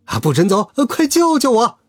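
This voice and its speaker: A man voicing a cowardly, panicky male gang boss who shrieks and begs in a husky voice. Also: sits high, big pitch swings, brisk, a little mellow, no room sound, studio quality, pitched above the performer's own voice, heavily acted. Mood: terrified. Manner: shrieking, pleading.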